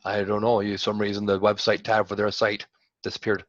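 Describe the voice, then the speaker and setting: Low man on a lo-fi call line. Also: little pitch movement, brisk, fairly bright tone. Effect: heard over a call line. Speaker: web developer. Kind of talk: remote work call.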